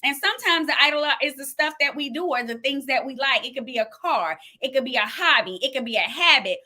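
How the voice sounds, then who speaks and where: A woman's voice: high voice, expressive, quick pace, sharp tone. A woman preaching a live-streamed sermon, fervent and preacherly, answering viewers' comments aloud as she teaches. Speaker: minister sharing a word.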